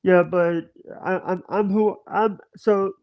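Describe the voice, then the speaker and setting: A man in his thirties chatting on a livestream video call, talking in halting bursts with many stammers and restarts. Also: sits high, steady tone. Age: 30s. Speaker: livestream guest. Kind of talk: casual chat. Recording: dull lo-fi stream audio.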